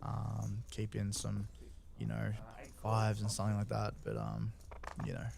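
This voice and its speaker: A man's voice: fairly low pitch, monotone, measured pace, creaky, a little mellow. A man giving informal, explanatory strategy analysis as a poker co-commentator, often checking that the listener follows.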